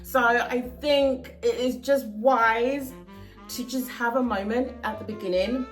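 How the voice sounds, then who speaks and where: A woman's voice: on the high side, steady tone, measured pace, soft background music. A young woman vlogging to camera, earnestly sharing heartfelt advice with casual fillers. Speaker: hair vlogger. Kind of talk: casual talking-to-camera vlog.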